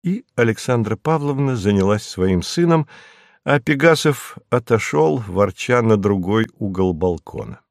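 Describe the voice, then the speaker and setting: A man narrating a classic novel in a measured, even storytelling manner. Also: on the low side, vocal fry, dry recording, studio quality. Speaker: audiobook narrator.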